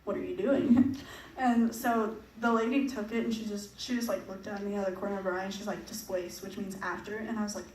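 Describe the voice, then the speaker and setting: A woman's voice: medium pitch, little pitch movement, fast talker. Chatty young woman in an echoey church hall. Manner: chatty, laughs often, many fillers. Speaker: mission trip presenter. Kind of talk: casual talk to a church audience. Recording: echoey hall, picked up from a distance, faint noise.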